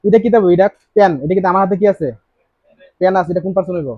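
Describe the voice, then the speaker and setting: This high-pitched man keeps a steady tone while speaking at a racing pace, quizzing his class with many questions during a grammar lesson with a tinge and repeating the important words. There's no echo; the audio is dry, a bit dull and lo-fi.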